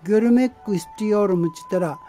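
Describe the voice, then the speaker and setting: Man, amateur teacher, mellow tone, halting and patient, faint music behind. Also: high-pitched. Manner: patient, halting explanation with many fillers. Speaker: language teacher. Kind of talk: amateur language lesson.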